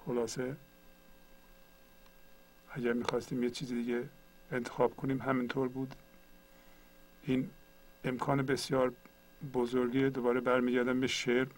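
A man's voice: mid-range voice, monotone, long pauses, slight background noise, poor audio. A man teaching a computer tutorial, patiently explaining each step one at a time. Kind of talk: screen-share tutorial.

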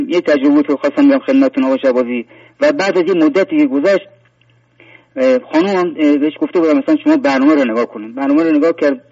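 A man's voice: on the high side, a little mellow, no room sound. Earnest male caller on a muffled line. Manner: earnest, rambling with many fillers and restarts. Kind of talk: phone-in sharing a personal story. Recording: muffled phone-in line, distant.

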